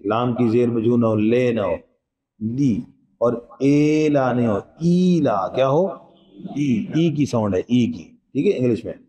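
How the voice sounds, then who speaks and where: A man's voice: mid-range voice, warm tone, breathy edge, rough recording. A man teaching recitation, patiently explaining each sound and quizzing his students, sometimes chanting verses in a long melodic tone. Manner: patient, explains letter by letter and asks the class questions. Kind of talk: recitation pronunciation lesson.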